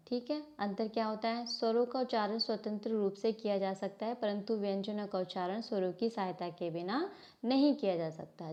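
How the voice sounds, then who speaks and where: A warm-toned woman at medium pitch leads a classroom lesson on Hindi grammar, explaining from a textbook. She asks her own questions, supplies the answers, and often stops to fix what she just said, all captured in slightly dull, lo-fi audio.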